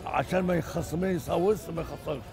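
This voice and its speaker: An elderly man with an Egyptian Arabic accent, a restaurant owner answering interview questions outdoors on a street, halting and repeating himself. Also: a little high, over music. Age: older. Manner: halting, repeats the host's words, stumbles and restarts.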